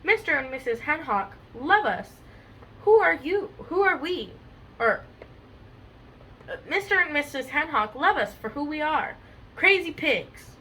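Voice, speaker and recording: A woman's voice: high voice, big pitch swings, measured pace, pauses often, bright, forceful tone, far from the mic, slight background noise, pitched above the performer's own voice, exaggerated voice. A woman voicing a pair of cheeky, mischievous young pigs in a storybook, defiant and playful.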